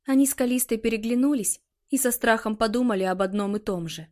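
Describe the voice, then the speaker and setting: A woman reading an audiobook in a measured, expressive way. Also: fairly high pitch. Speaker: audiobook narrator. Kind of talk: scripted audiobook narration.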